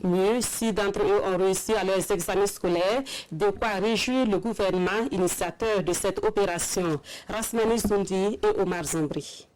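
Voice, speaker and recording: A woman presenting a television news bulletin in a crisp, formal way. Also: mid-range voice, normal speed, few pauses, a little mellow, a little hiss or hum, rough recording. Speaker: news anchor.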